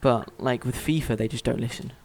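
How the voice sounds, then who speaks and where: A young man in casual chat about video games, blunt and quick to swear. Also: medium pitch, rough recording. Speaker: gaming YouTuber. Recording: faint noise with clicks.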